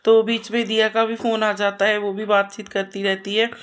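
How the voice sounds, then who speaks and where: A woman's voice: mid-range voice, little pitch movement, moderate pace, smooth. A woman in her thirties, a mother narrating her household chores in a homely, chatty voice-over, repeating herself often. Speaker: vlogger and mother.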